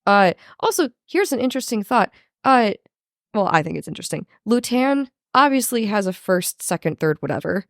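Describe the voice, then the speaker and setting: A woman co-hosting a podcast in casual chat, with a hoarse voice, who swears a lot and jumps up high when she gets excited. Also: moderate pace, no echo, studio quality. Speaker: podcast co-host.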